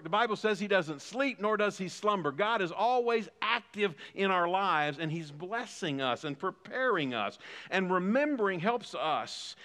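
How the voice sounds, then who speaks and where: A sharp, high-pitched voice fills a large hall as this pastor in his fifties delivers his sermon. He drives his point home with phrases he repeats with rising emphasis.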